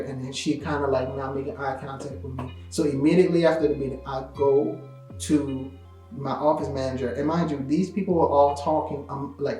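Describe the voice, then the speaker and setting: A man vlogger telling a story in a casual, slangy way, full of "like" fillers. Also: medium pitch. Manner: animated, slangy, lots of "like" fillers. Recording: roomy echo with faint music.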